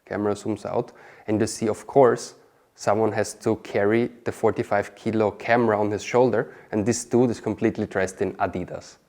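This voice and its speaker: A man's voice: lowish voice, steady tone, moderate pace, darkish tone. A man from Austria, a marketing specialist chatting as an interview guest, often adding "okay?" and "you know". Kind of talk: casual interview answers.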